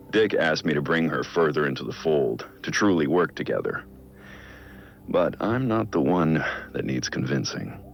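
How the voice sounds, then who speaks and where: A brooding, middle-aged American man voices a masked vigilante dictating case logs in a scripted audio-log monologue for a game. His heavily acted delivery is introspective, low and gravelly, and the sound is slightly muffled over soft music.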